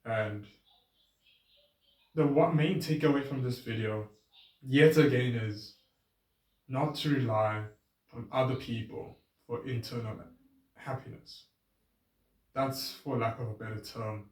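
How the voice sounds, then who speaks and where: A man vlogging a casual, rambling self-reflective monologue, his voice drifting between a trained register and a softer natural one. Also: mid-range voice, takes it slowly, pauses often. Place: outdoors with his bike. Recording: roomy, distant camera sound.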